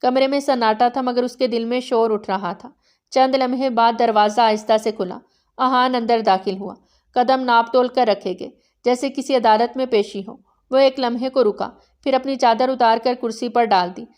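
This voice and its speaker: Female narrator for a novel reading, steady and dramatic, slightly high voice. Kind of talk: reading a romance novel aloud.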